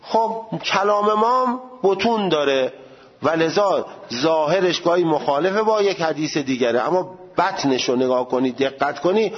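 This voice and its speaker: A man giving a seminary lecture, animated and full of rhetorical questions. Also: fairly high pitch, in a large hall, dull audio. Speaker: religious studies teacher.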